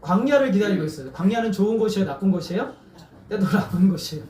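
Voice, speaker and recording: High-voiced pastor in an echoey church. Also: male voice, lively intonation, fast, darkish tone, recorded from a distance. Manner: asks the congregation questions and has them repeat words. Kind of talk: sermon. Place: church sanctuary.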